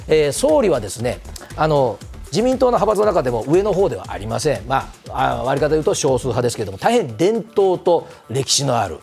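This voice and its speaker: A man's voice: mid-range voice, very animated, brisk, creaky, a little mellow, soft background music. A man explaining politics on a TV talk segment, polite and formal, with many fillers. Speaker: political commentator.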